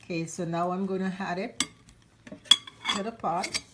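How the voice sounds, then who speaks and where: A woman's voice: on the low side, normal speed. A woman hosting a home cooking show, talking casually through each step, her voice a little sick. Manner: relaxed, chatty, with fillers. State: slightly sick voice. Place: home kitchen. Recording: clattering kitchen noise behind. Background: pots, dishes and cutlery.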